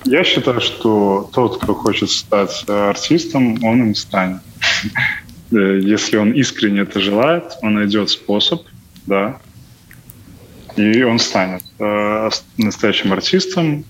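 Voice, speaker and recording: Speaking in a fairly low pitch at a measured pace, a young panel guest chats casually while answering questions, hesitating and thinking out loud. The sound is muffled and quite noisy.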